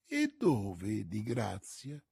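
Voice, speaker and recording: A man reading aloud and voicing a haughty English lord in a stiff, formal manner with a husky voice. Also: on the low side, huge pitch swings, very slow, warm tone, no echo, studio quality, pitched below the performer's own voice, full character voice. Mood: proud.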